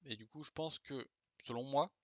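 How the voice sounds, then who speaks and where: A man's voice: mid-range voice, normal speed, dry recording. Casual man explaining, dry close sound. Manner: informal, chatty, with fillers and slang asides. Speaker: video creator explaining name pronunciation.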